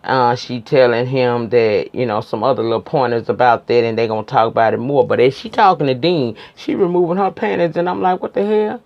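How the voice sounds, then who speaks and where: A man's voice: medium pitch, fairly even intonation, fairly quick, vocal fry, hardly any pauses, muffled recording. Sassy man gossiping through a TV recap. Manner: sassy, gossipy retelling with cursing and exclamations. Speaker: TV episode recap reviewer. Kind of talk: casual TV recap.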